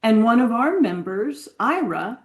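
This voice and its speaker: A woman's voice: fairly high pitch, big pitch swings, unhurried. A woman sharing her experience as a participant on a group video call, chatty and meandering. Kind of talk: casual chat.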